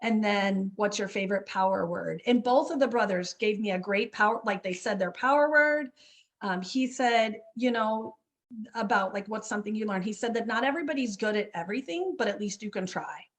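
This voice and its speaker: A woman's voice: mid-range voice, fairly quick. A woman run club coach telling a story in a casual interview, chatty, full of fillers and "you know what I mean".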